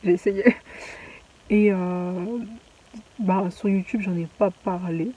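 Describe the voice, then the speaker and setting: A woman's voice: fairly low pitch, fairly even intonation, takes it slowly, warm tone, rough recording. A young woman vlogging casually, rambling with many fillers and restarts. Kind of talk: casual chatty vlog.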